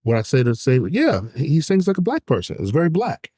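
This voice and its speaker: Animated man co-hosting a podcast. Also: fairly high pitch, a little fast, breathy edge, dry recording, studio quality. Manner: animated storyteller, opinionated. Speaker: podcast co-host. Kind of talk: casual chat.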